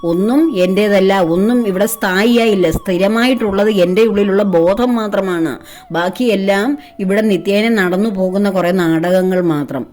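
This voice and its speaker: A woman's voice: mid-range voice, normal speed, a little mellow. A woman giving a devotional spiritual talk, asking rhetorical questions in an earnest, persuasive way. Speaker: spiritual speaker.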